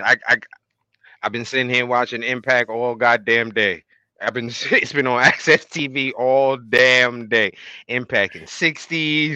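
A man's voice: mid-range voice, sharp tone, dry recording. A middle-aged man hosting a podcast in casual talk, emphatic and repeating phrases, with some swearing. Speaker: podcast host.

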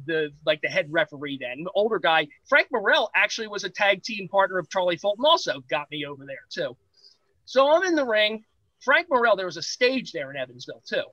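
Guy with a high bright voice spinning a wrestling road story, super dry close sound. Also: no echo, muffled recording. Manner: lively anecdote-teller, acts out quoted voices. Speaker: podcast guest, pro wrestler. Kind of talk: animated storytelling.

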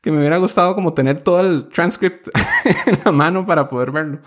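A man's voice: fairly high pitch, a little fast. A young man with a Costa Rican accent chatting casually and animatedly, laughing often. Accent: Costa Rican Spanish. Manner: animated, laughs often, quotes lyrics in English. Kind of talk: casual chat about a musical.

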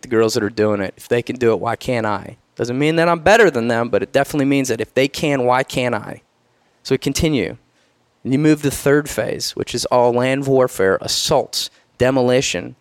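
A man's voice: mid-range voice, no room sound. An earnest man, a former Navy SEAL, gives a motivational talk and tells his story with strong emphasis. He acts out what others said to him. His voice is recorded close and dry, with almost no room sound. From United States.

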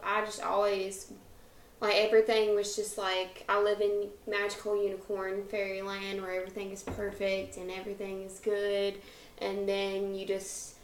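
A woman's voice: mid-range voice, reverberant, slight background noise, low-quality recording. A woman in her twenties co-hosting a podcast, talking candidly in a chatty way and laughing between phrases. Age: 20s. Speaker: podcast co-host. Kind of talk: casual podcast chat.

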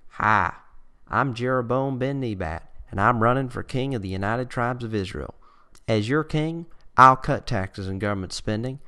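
A man's voice: medium pitch, moderate pace, pushed and bright, clean tone. A man playing a confident male candidate speaking in an emphatic, persuasive campaign ad.

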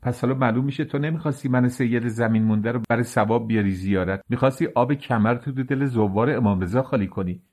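Foul-mouthed older woman pilgrim, scolding and sharp-tongued, read by a man. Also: medium pitch, few pauses, natural voice. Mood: cursing.

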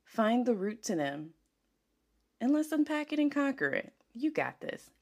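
A woman's voice: a little high, big pitch swings, measured pace, darkish tone. A woman hosting a podcast, telling a personal story in a casual, chatty way, laughing often and checking in with the listener. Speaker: podcast host.

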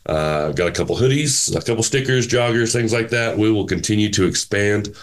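A man co-hosting a sports podcast, chatting casually in a measured, matter-of-fact way. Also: lowish voice. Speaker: podcast co-host.

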